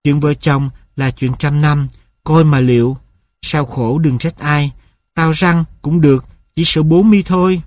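A man's voice: fairly high pitch, fairly even intonation, measured pace, a little mellow, dry recording, natural voice. A wry older village mother teases her daughter in a resigned way, as a male storyteller voices her. The sound is close and dry.

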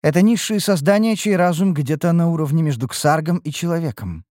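A man voicing a haughty, disdainful young female high elf in an audiobook. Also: fairly quick, darkish tone, no echo, clean studio sound, lightly acted. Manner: arrogant, disdainful.

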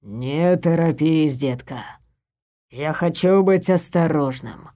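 A woman voicing a cautious middle-aged stepfather who murmurs in a low, hushed way in an audiobook. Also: slow. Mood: hushed tender. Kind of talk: audiobook character voice.

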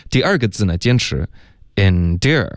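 A man's voice: lowish voice, animated, brisk, dry recording, clean studio sound. A man teaching English pronunciation on a radio lesson, explaining step by step and saying "OK" often. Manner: patient, step-by-step, frequent "OK" and "嗯". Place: radio studio.

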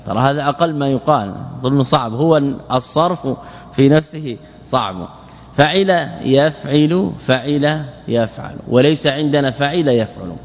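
Lecturing man in a reverberant hall. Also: mid-range voice. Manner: drills verb patterns slowly and quizzes students. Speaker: sheikh teaching Arabic morphology. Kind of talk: classroom lecture explaining verse. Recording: hall reverb with faint ambience.

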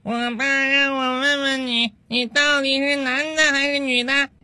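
Man playing a high, slow-spoken little kid over loud music, radio comedy. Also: level tone. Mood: innocent. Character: naive four-year-old boy.

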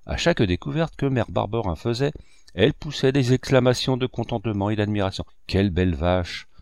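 A man reading a classic novel aloud with animated storytelling. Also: medium pitch, brisk, vocal fry, no echo, clean studio sound. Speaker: audiobook reader.

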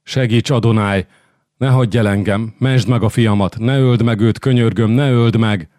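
A man's voice: on the low side, fairly even intonation, a little mellow, no echo, clean studio sound, voice pushed up, close to an everyday voice. A man voicing a distraught young mother who pleads and sobs, read in an audiobook. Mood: pleading. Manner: pleading, sobbing. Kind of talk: audiobook character voice.

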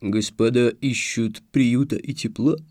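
A man reading an audiobook puts on a deep, low bass voice for a skinny, shifty tavern man. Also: fairly even intonation, unhurried, darkish tone, dry recording, clean studio sound, lightly acted. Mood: ingratiating. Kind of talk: audiobook narration.

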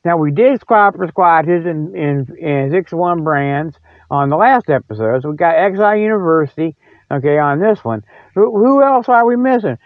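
An older American man hosts a podcast alone, rambling casually in a folksy, jokey style and chuckling often. His voice is a little high and expressive, his pace moderate, and the dry recording has dull lo-fi audio.

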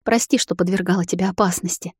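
A woman's voice: lowish voice, fairly even intonation, quick pace, darkish tone, breathy edge, dry recording, clean studio sound. Sobbing guilt-ridden vampire mother, as a woman voices her. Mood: tearful.

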